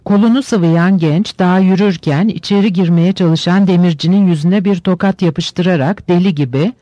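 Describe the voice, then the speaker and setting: A man reading a novel aloud in steady, measured scripted narration. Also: sits high, no room sound, muffled recording.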